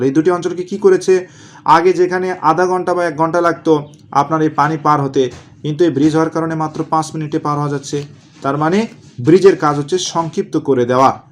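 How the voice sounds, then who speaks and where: A man teaching exam vocabulary, asking questions and answering them himself, repeating key words slowly. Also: a little high. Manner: asks and answers his own questions, drills words slowly. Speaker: exam prep tutor. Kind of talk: vocabulary lesson.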